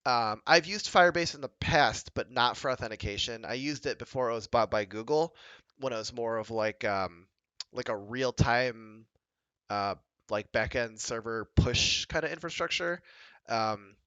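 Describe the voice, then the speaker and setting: A man co-hosting a coding livestream in a casual, halting way with many ums, speaking into a headset mic. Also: mid-range voice, a bit bright, clean tone, no room sound, lo-fi sound. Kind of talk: casual live coding chat.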